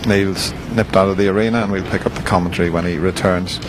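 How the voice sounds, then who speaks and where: A man giving quiet, low-key snooker commentary in a relaxed, understated manner. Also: fast talker, noisy background.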